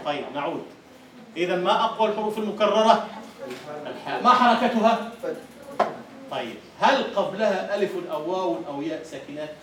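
A man with an Egyptian accent lectures at a university on Arabic prosody, quizzing students and repeating their answers. His voice is high-pitched, with background noise, recorded far from the mic in an echoey lecture hall.

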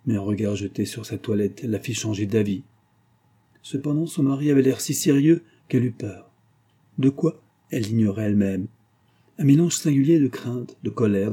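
A man narrating an audiobook with a low, very dark voice and a husky grain. His reading is steady and even, carrying the story along at an unhurried pace. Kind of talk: scripted narration.

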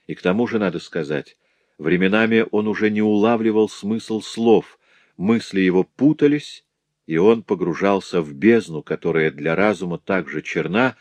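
Low-voiced male audiobook narrator. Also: dry recording. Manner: measured, somber reading.

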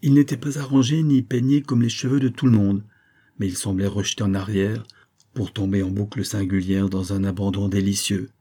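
Man reading an audiobook, dark mellow tone, bit husky, calm and measured. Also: on the low side. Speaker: audiobook reader. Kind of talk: audiobook narration.

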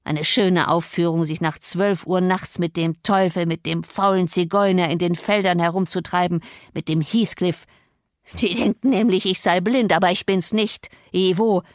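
A woman's voice: lowish voice, fairly even intonation, moderate pace, no room sound, clean studio sound, lightly acted. A woman reading the part of a spiteful, sanctimonious old male servant in a storybook. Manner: scolding, sanctimonious.

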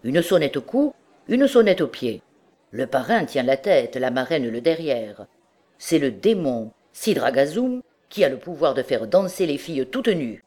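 A sour, sharp-voiced old man lectures his band in an instructing tone, as a woman reads him. The reading stays close to plain audiobook narration. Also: a bass voice, sing-song, a little slow, exaggerated voice. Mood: lecturing.

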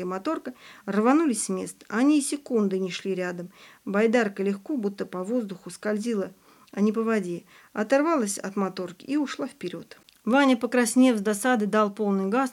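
A woman narrating an audiobook in a calm, even storytelling voice. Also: mid-range voice. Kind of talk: scripted narration.

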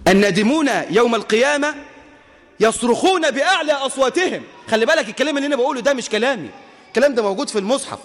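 Brief: impassioned Egyptian preacher, man, very high voice, long echo of a hall. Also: animated, very fast. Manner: impassioned, rising to shouts, rhetorical questions. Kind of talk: sermon.

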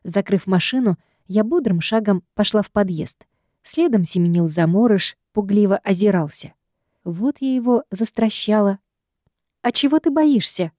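A woman's voice: mid-range voice, moderate pace, warm tone, dry recording, clean studio sound. A woman reading a first-person audiobook in a wry, sardonic storytelling manner. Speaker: audiobook reader.

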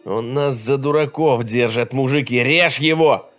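A man's voice: mid-range voice, a little slow, a bit bright, soft background music, voice pushed up, natural voice. A man voicing a coarse bandit ringleader who barks threats and insults. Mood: rough threatening. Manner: crude, bullying, barking threats.

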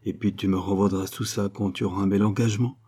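A man's voice: lowish voice, fairly even intonation, fast talker, warm tone, slightly rough. A man reading an audiobook, voicing a doting older mother who boasts about her daughter's talent. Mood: eager. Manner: chatty and proud.

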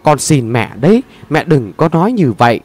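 A man's voice: on the high side, very animated, moderate pace, darkish tone, no room sound. A man voicing a heartbroken young woman who pleads through tears in an audio story. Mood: pleading. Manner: tearful pleading.

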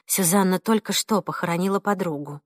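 A woman reading an audiobook, voicing a mild, conciliatory mother who speaks softly and placatingly. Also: fairly low pitch, a little fast, dry recording, studio quality, close to an everyday voice. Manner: soft, placating, pleading.

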